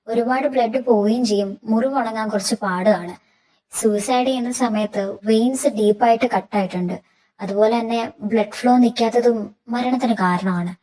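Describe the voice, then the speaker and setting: A woman as a calm measured doctor. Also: fairly high pitch, far from the mic, close to an everyday voice, low-quality recording. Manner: measured, explanatory. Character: calm doctor explaining a death.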